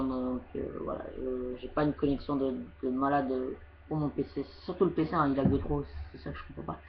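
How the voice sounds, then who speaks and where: A man's voice: fairly high pitch, lo-fi sound, slight background noise. A young man doing a casual home unboxing video of a game controller, hesitant and full of filler words. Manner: hesitant, heavy fillers like "donc, euh".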